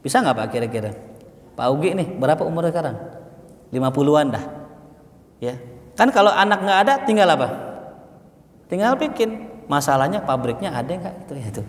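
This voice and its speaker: A man's voice: a little high, sing-song, fairly quick, long pauses. A man preaching a humorous sermon, acting out little dialogues and quizzing the audience. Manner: jokey, acts out little dialogues, asks the audience questions. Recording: echoey hall, distant mic.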